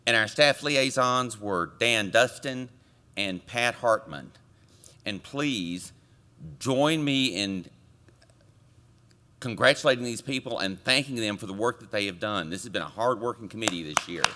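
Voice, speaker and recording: Guy reading out a committee report at a conference, bright tense voice, lowish pitch, cracks jokes at the crowd. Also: unhurried. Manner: relaxed, with joking asides to the audience. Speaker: committee chair giving a report. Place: conference meeting room.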